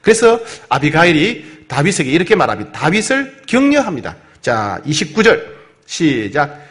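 A man preaching a sermon, reading scripture verses slowly and then explaining them with rhetorical questions. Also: fairly high pitch, very animated, a bit bright. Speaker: pastor.

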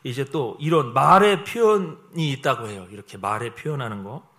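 A man preaching a sermon, animated, swinging between loud emphasis and hushed remarks, with humorous asides. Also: mid-range voice, normal speed. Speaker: pastor.

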